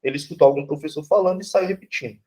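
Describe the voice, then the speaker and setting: Racing through an informal lecture, a Brazilian philosophy professor talks bluntly, swears casually, and keeps checking in with "né?" and "tá certo?" in a conversational manner. His voice is on the high side, a little mellow, with a breathy edge.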